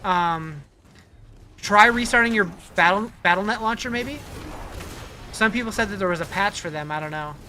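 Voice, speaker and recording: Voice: medium pitch, moderate pace, pauses often, bright, forceful tone, slight background noise. A game streamer chatting casually and answering viewers' questions in a conversational way. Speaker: livestreamer. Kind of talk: casual live-stream chat while gaming.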